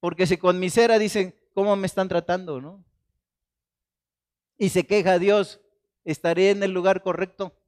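A man from Mexico with a high-pitched voice preaches a Sunday sermon. He swings between raised, forceful emphasis and quiet, hushed quotations of scripture. The delivery is dramatic and personal. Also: fairly even intonation, moderate pace, pauses often. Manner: dramatic, shifts between loud emphasis and soft quoted asides. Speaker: pastor. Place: church.

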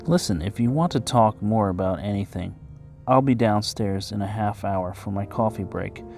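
A man's voice: lowish voice, moderate pace, creaky, a little mellow. A man voicing a young female nurse who speaks bluntly and frankly, with a dry edge, over faint background music. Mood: matter-of-fact.

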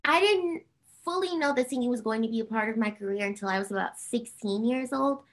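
A woman's voice: on the high side, a little fast. A woman from the eastern US giving casual, effusive answers as an interview guest. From Harlem and New Jersey, US. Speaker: interview guest, singer and actor.

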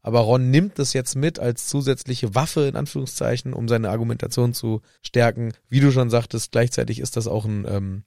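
A man co-hosting a casual podcast about a book, telling stories and jumping into high mock voices when he quotes characters. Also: fairly even intonation, moderate pace, gravelly, few pauses, warm tone, dry recording, clean studio sound. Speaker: podcast co-host.

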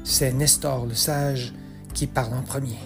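A man narrating a rhymed epic tale in a slow, measured, rhythmic way. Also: medium pitch, steady tone. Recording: soft music underneath.

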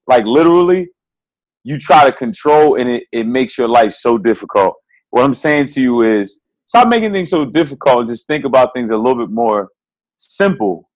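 A man's voice: mid-range voice, low-quality recording. Heartfelt motivational young man. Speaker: podcast co-host. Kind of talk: casual podcast chat.

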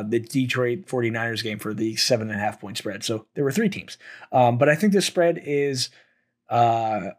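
A young man hosting a solo sports betting podcast, thinking aloud with fillers and restarts, his voice worn from talking. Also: mid-range voice. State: losing his voice.

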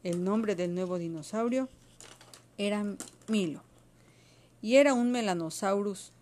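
A woman reads a children's picture book aloud at home to a child. Her delivery is patient and expressive, in a mid-range voice. She narrates at an easy storytelling pace. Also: medium pitch, unhurried.

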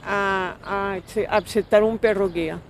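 A woman's voice: mid-range voice, fairly even intonation, a little slow, a little hiss or hum. A woman with a slight French accent, interviewed on a city street as a dog owner, speaking firmly and listing things with emphasis. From born in Spain, raised in France.

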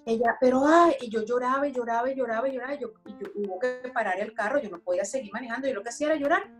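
A woman, a podcast guest, telling stories in an animated way and repeating words for emphasis. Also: fairly high pitch, very fast, faint music behind. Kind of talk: casual storytelling chat.

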